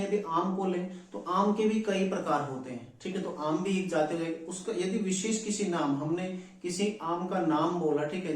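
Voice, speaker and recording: A man from teaching an exam-prep lesson, explaining each answer step by step and often checking in with his listeners. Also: sits high. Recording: very echoey, distant from the mic.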